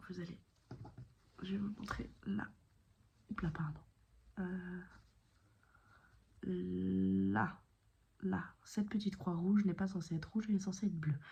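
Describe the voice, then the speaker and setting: A woman chatting casually about her cross-stitch work, her voice mellow and unhurried. She rambles with fillers and self-corrections, and now and then drops to a soft whisper. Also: mid-range voice, lo-fi sound. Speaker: cross-stitch video creator. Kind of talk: casual chat showing stitching projects.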